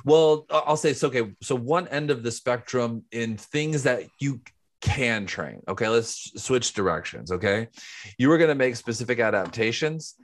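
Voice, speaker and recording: A man's voice: mid-range voice, animated, normal speed. A man co-hosting a podcast in casual chat, explaining things step by step. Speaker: podcast co-host.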